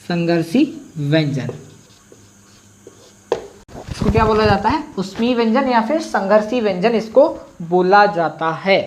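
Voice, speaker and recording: High-voiced man teaching a grammar lesson. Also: expressive, slight background noise. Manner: asks rhetorical questions and answers them himself; repeats sounds slowly for students to copy. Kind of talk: online exam-prep lesson.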